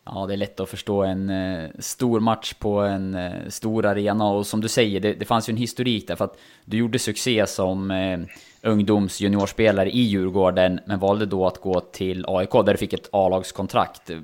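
A man hosting an interview, asking questions in a measured way with many filler pauses. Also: on the low side, flat delivery, a little mellow. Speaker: interviewer host.

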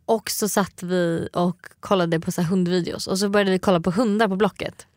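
A young woman chatting casually with a friend, telling lively stories and acting out what people said. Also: lowish voice, no room sound, studio quality. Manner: lively storyteller, acts out quotes with "jag bara". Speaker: podcast co-host. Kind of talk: casual chat between friends.

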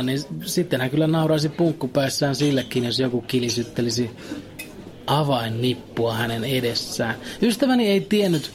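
A man delivering a deadpan, absurd comic monologue in a dry, matter-of-fact way, with hesitant fillers. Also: mid-range voice.

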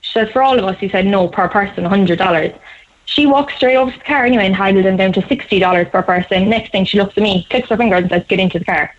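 A young woman in her twenties with a Cork Irish accent, telling a story quickly and animatedly on a radio show, often laughing. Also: mid-range voice. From Cork, Ireland. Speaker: guest storyteller. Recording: slightly dull radio sound.

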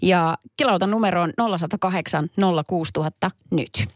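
A woman's voice: on the low side, loud music behind the voice. A woman hosting an afternoon radio show, bantering with callers and laughing easily. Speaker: radio host. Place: radio studio. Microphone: studio microphone.

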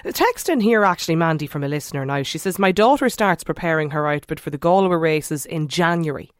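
A woman's voice: deep voice, expressive, a little fast, dry recording, clean studio sound. An Irish woman hosting a live radio interview in a chatty, questioning way, rephrasing as she goes. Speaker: radio talk show host. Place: radio studio.

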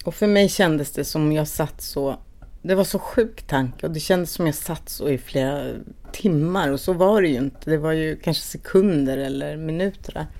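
A middle-aged woman speaking haltingly and with quiet emotion as she recalls a personal loss. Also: sits low. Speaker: bereaved mother interviewed. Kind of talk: personal recollection.

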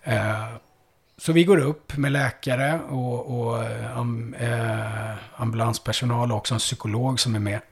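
Husky-voiced Swedish police officer recounting. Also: male voice, medium pitch, fairly even intonation. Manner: halting, with many fillers and restarts. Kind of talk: recounting a past call-out in a podcast conversation.

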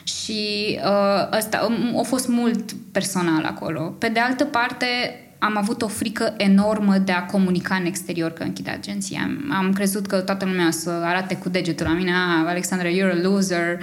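A woman's voice: mid-range voice, few pauses. Candid, hesitant Romanian woman. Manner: open and reflective, with frequent hesitations. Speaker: podcast guest. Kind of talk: candid conversational interview.

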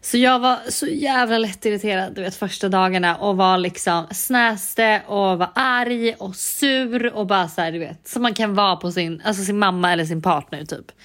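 A woman co-hosting a podcast in casual chat, relaxed and chatty with lots of filler words, talking in from a hotel on holiday. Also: mid-range voice, few pauses. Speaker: podcast co-host. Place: hotel on holiday, remote recording.

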